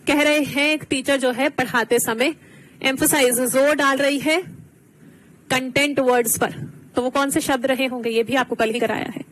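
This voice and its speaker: A woman with a high, light voice teaches a live online exam-prep class. She explains terms slowly, switching between two languages, and keeps asking her students for answers. Faint noise hums under the close mic. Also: steady tone, fairly bright tone, rough recording.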